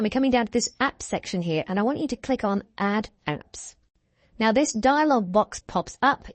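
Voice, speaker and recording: A woman's voice: medium pitch, no room sound. Upbeat woman teaching an online course. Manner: upbeat, reassuring, walks through steps. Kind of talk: screen-share tutorial narration.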